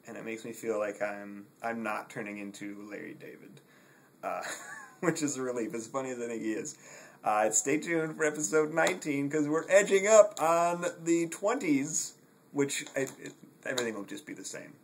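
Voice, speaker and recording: A man's voice: mid-range voice, lively intonation, moderate pace, creaky, a little hiss or hum. A man hosting his own video blog, talking in a sarcastic, self-mocking way and laughing often. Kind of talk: casual vlog monologue.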